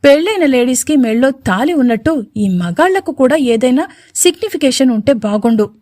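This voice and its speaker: A woman's voice: sits high, lively intonation, moderate pace, darkish tone, dry recording, clean studio sound. A woman voicing a caring, anxious young wife in a storybook, speaking in a pleading way. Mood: annoyed. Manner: pleading, worried.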